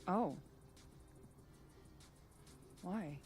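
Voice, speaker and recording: A woman's voice: on the low side, animated, extremely slow, a little mellow, faint music behind. An actress playing a breezy, teasing young woman in a video game.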